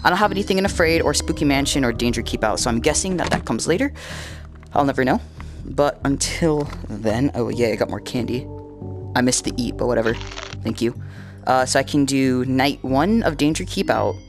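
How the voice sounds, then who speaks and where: A young man giving casual gaming commentary, excitable and jumpy, yelping when startled. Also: medium pitch, fairly quick. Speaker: gaming channel host. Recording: commentary over game music.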